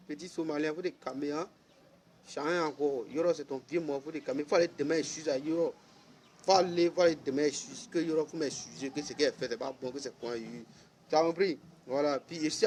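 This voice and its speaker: A man's voice: on the high side, a little mellow, a little hiss or hum. A man, ranting casually and scolding someone directly, repeating himself for emphasis. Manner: scolding, repetitive, addresses listener directly. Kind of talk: casual spoken rant.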